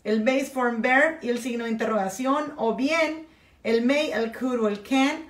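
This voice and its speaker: A woman's voice: on the high side, measured pace. A woman teaching an English grammar lesson, explaining step by step and switching between English and Spanish. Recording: echoey room.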